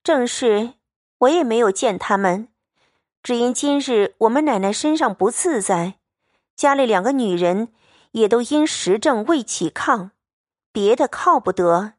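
A woman reading as a calm, tactful young lady. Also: fairly high pitch, measured pace, dry recording, clean studio sound, voice pushed up. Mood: composed. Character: composed, tactful young noblewoman.

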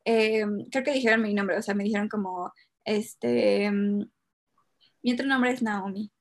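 A woman's voice: medium pitch, fairly even intonation, unhurried. A young woman with a Mexican Spanish accent telling a personal story in casual chat, hesitant, with many fillers and nervous laughs.

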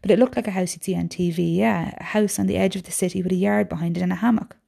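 Woman voicing a weary young mother, tender, earnest, mellow, gravelly. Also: on the low side, steady tone, fast, heavily acted. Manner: earnest, patient.

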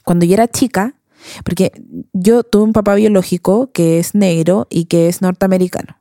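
A young woman with a Chilean accent, co-hosting a podcast and telling stories in an animated, slangy way, laughing often. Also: medium pitch, moderate pace, dry recording, studio quality. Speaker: podcast co-host. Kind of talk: casual chat.

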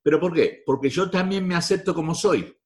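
A man's voice: on the high side, fairly quick. A man with a Rioplatense Spanish accent giving a repetitive, emphatic talk to a live audience. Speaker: motivational speaker.

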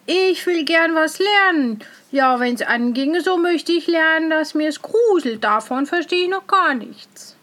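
A woman's voice: very high-pitched, expressive, fairly bright tone, pitched above the performer's own voice, full character voice. A woman voicing a naive, fearless young peasant boy in a fairy tale reading, speaking eagerly and earnestly. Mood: wondering. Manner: eager, earnest, slow and wondering. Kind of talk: storybook reading.

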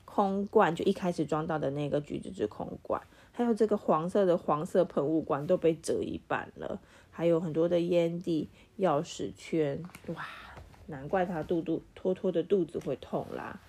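A woman's voice: fairly low pitch, moderate pace. A mother reading a picture book to her child at home, acting out sound effects and stopping to quiz the child. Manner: animated, acts out sound effects and quizzes the child. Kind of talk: picture-book read-aloud.

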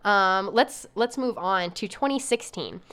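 A young woman co-hosting a relaxed podcast. She keeps the chat moving with upbeat questions. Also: medium pitch, measured pace, clear, resonant tone. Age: young adult. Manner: upbeat, asks lots of questions. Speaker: podcast co-host. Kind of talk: casual chat.

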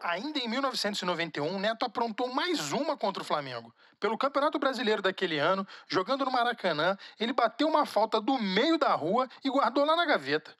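A man reading scripted sports documentary narration in an animated presenter's delivery. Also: sits high, fast talker, few pauses, no echo.

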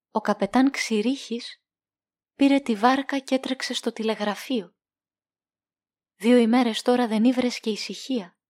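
A woman narrating a literary short story as an audiobook, reading in a measured, calm way. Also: on the high side, dry recording, studio quality.

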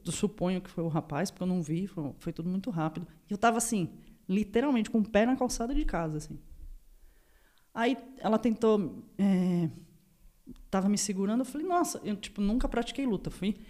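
A woman from Brazil talks as a guest on a casual podcast, telling a story from her life. She tells it with energy and acts out the people in it, changing her voice for each quote. Her voice sits at an ordinary middle pitch for a woman. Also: expressive, fairly quick, mellow.

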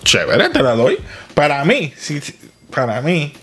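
A man's voice: on the high side, wildly swooping pitch, measured pace, a bit bright. A young adult man, co-hosting a casual chat about films, playful and slangy, slipping into English. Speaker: co-host.

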